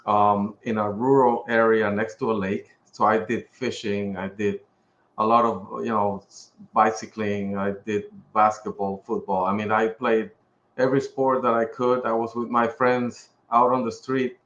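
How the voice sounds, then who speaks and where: This casual interview guest is a middle-aged man from Puerto Rico, a pharmaceutical executive with a Puerto Rican accent. His fairly low, level voice is a bit bright and unhurried, and the recording sounds slightly dull with roomy echo.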